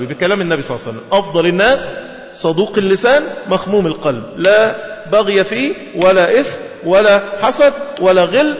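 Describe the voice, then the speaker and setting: A man with an Egyptian accent preaching a sermon, lively and asking his audience rhetorical questions. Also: sits high. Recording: echoey hall, dull lo-fi sound.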